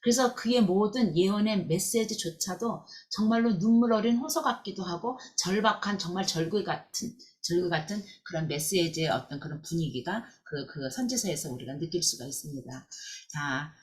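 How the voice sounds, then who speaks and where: A woman's voice: fairly low pitch, moderate pace. A woman teaching a Bible lecture, earnest and emphatic, with frequent fillers and restarts.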